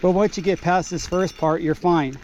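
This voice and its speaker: Man, winded and breathing heavily, slightly high voice, casual cycling vlog, halting phrases, noisy outdoor recording. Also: fairly even intonation, a little mellow, muffled recording. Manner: halting, short effortful phrases. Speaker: cyclist vlogger. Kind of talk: casual vlog narration while cycling uphill. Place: outdoors, riding a bike on a climb.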